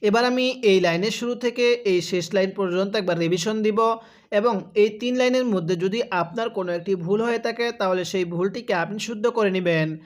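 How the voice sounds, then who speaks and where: A man from Bangladesh teaching Quran reading, spelling out syllables and reciting verses in a drawn-out way for learners to repeat. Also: high voice.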